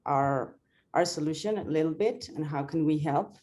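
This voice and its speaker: A woman's voice: deep voice, moderate pace, mellow. A woman presenting as an operations lead over a video call, friendly and a little hesitant. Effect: heard over a video call. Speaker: guest speaker, operations lead. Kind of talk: webinar presentation.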